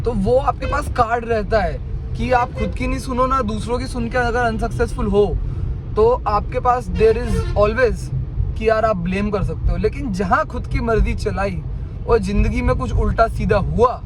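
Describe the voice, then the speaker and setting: A man's voice: high-pitched, background noise. A man in his twenties from India talking casually and reflectively to his camera, slipping English words into his speech. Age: 20s. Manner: musing, conversational, mixes in English words. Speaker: vlogger.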